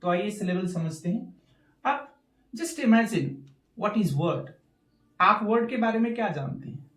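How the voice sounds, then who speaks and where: Hindi-mixing male teacher, slow and roomy. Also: high voice, expressive, a bit bright, distant mic. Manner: mixes Hindi and English, repeats key terms, asks rhetorical questions. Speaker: English teacher. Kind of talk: classroom lesson.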